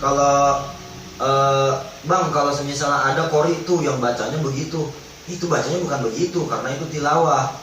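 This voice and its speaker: A man teaching Quran recitation rules in a religious study lesson, explaining in relaxed everyday speech and chanting drawn-out recited examples. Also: on the high side. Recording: echoey hall, distant mic, faint background noise.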